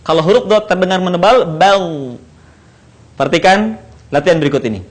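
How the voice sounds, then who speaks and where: A man teaching how to pronounce Arabic letters, explaining slowly and repeating each sound in drills. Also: high voice, animated. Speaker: Quran recitation teacher. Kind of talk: slow instructional explanation with recited drills.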